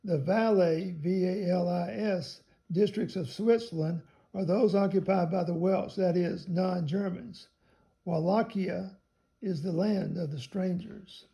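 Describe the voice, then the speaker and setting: A man with a high, gravelly voice reads a book aloud in a measured, careful way. He spells out some words letter by letter as he goes. His tone is dark and mellow. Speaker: reader of a theology text.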